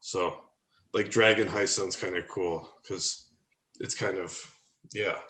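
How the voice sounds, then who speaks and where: Low-voiced male co-host, hesitant and wordy, roomy echo. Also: fairly even intonation, slow pace, a bit bright. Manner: hesitant, searching for words. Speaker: podcast co-host. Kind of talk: casual chat. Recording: echoey room.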